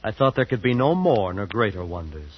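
An awed small-town young narrator. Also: male voice, on the low side, sing-song, fairly quick, slightly rough. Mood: reflective. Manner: earnest, awed and shy. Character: wide-eyed young man from a small town, narrating his own story. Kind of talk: 1940s radio acting with first-person narration. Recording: muffled old radio recording with music behind.

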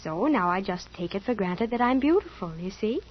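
A woman's voice: mid-range voice, expressive, normal speed, lightly acted. An actress playing a sheltered, naive rich teenage girl who talks in a prim, earnest, matter-of-fact way, in an old radio drama. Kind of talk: 1940s radio acting. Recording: muffled old radio recording.

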